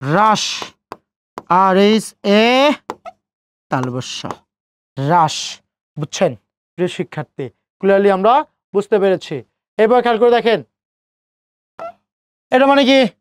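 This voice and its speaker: A male teacher giving an exam-prep lecture, repeating key points slowly and asking questions that he answers himself. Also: sits high, lively intonation, clean tone. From Bangladesh. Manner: asks students rhetorical questions and answers them himself.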